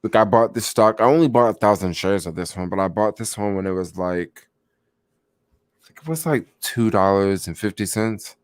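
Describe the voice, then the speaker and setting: A man's voice: lowish voice, normal speed, smooth, no echo, clean studio sound. A young man chatting casually about stocks on a livestream, rambling with lots of fillers and answering viewers, sounding sleepy. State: sleepy, yawning. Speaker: stock vlogger.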